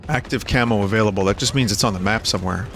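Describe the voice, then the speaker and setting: A man's voice: lowish voice, fast, fairly bright tone, a little hiss or hum. A man streaming a game, chatting casually in a wry, rambling way. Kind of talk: casual chat while gaming. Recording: game gunfire behind the voice.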